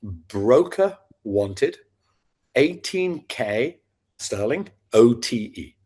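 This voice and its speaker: A Scottish sales founder in his fifties, guesting on a podcast, tells animated stories in casual chat, acting out his past self in quotes. He speaks with a neutral British accent that doesn't sound Scottish. His voice is husky and medium-pitched, and his pace is extremely slow.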